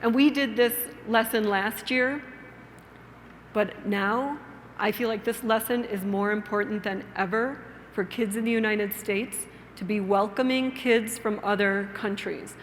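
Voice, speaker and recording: A woman's voice: medium pitch, steady tone, a little slow, slight background noise. A woman giving a conference lecture as a teacher educator, engaging her audience with questions and frequent tag "right?" checks. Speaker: plenary speaker and teacher educator. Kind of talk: conference lecture with a read-aloud story. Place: large conference hall. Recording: long hall reverb, faint room ambience.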